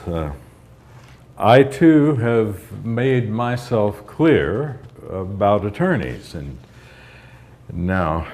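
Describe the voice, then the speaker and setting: An actor playing a patient, slightly flustered judge in a courtroom drama, with hesitant, conversational authority. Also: male voice, low-pitched, a little mellow, exaggerated voice. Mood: relieved. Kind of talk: acted courtroom drama dialogue.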